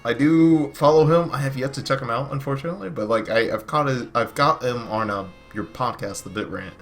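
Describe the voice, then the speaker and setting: A man hosting a podcast, passing the turn to guests in a relaxed, casual way. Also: mid-range voice, fairly quick, faint music behind. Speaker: podcast host.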